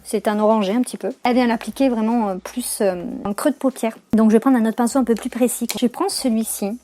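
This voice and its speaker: A young woman talks her way through a makeup tutorial in a loose, chatty way. She leans on slang and fillers and often corrects herself mid-phrase. Her voice sits a little high. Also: fairly even intonation, fast, dark tone. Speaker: beauty vlogger. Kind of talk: casual makeup tutorial chat.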